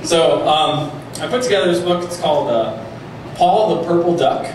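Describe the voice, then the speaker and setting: This comic storyteller's voice is fairly high, at an ordinary pace, as he reads a mock children's rhyme and speaks to an audience at a live venue. A far mic records a noisy, very echoey room.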